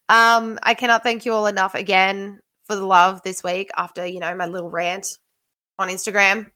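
A woman's voice: fairly low pitch, sharp tone, no echo. A young woman with a broad Australian accent chatting casually on a solo podcast, stressing her points emphatically. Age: young adult. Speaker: podcast host and student teacher.

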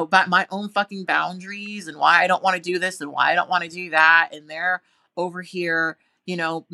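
A woman's voice: lowish voice, sharp tone, no room sound, clean studio sound. A woman hosting a podcast, speaking casually and emphatically, with frequent stammered restarts.

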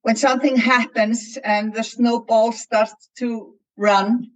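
A woman from Iceland with an Icelandic accent, a novelist chatting hesitantly as a panel guest and pausing often to find her words. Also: fairly high pitch, fairly even intonation, muffled recording. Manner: hesitant, many fillers and restarts while searching for words. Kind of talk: casual panel chat.

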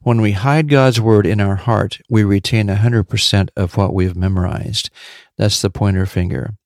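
A man with a fairly low voice and some vocal fry delivers a measured, steady devotional teaching as a podcast Bible teacher, repeating his key points for emphasis. The sound is close and dry, with no room or echo around him.

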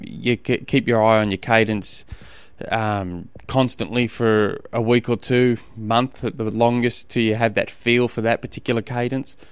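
Casual Australian man podcasting, clear dry sound. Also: on the low side, dry recording. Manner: informal and colloquial, rambling and often rephrasing mid-sentence. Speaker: podcast host and endurance sports coach. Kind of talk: casual solo podcast advice talk.

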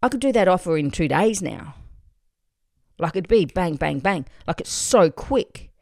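An Australian woman hosting a motivational solo podcast, excitable and swearing casually. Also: fairly low pitch, unhurried, gravelly, no echo, clean studio sound. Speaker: podcast host.

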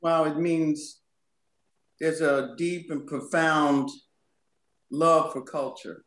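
A woman's voice: low voice, fairly even intonation, slow pace. A woman guest speaks in a thoughtful, emphatic way on a podcast and laughs easily. Her voice rings with plenty of room echo. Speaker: guest, culture and communication consultant. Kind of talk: podcast conversation.

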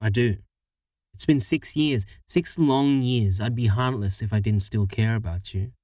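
A man's voice: on the low side, measured pace, dark tone, dry recording, studio quality, distant mic, close to an everyday voice. A man voicing an exasperated young woman who bluntly ends a long relationship, speaking with weary impatience.

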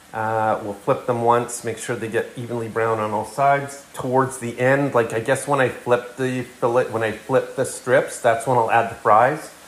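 A man hosting a hunting and cooking show, talking casually and hesitantly in his kitchen, with plenty of fillers and restarts. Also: medium pitch. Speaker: hunting and cooking podcast host. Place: home kitchen.

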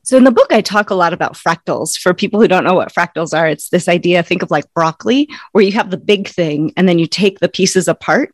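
A woman in her forties, an author and educator, answering interview questions in a thoughtful, measured way. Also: on the low side, dry recording. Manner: thoughtful, measured, occasional soft laughs.

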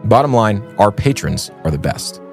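A man's voice: fairly low pitch, sing-song, moderate pace, vocal fry. A man hosting a storytelling podcast, speaking scripted narration in a conversational yet theatrical, ornate way. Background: background music.

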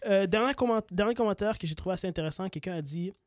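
A man's voice: high-pitched, racing, no room sound, clean studio sound. A man with a Québécois accent hosting a casual couple's podcast late at night, joking and stammering, a bit tired. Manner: joking, stammering, playful boasting. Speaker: podcast host. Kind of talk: casual chat.

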